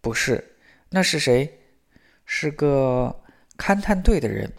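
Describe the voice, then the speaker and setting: A man's voice: a little high, lively intonation, takes it slowly. A man reading the lines of a nervous teenage schoolgirl who answers hesitantly and defensively. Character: shy, flustered teenage schoolgirl.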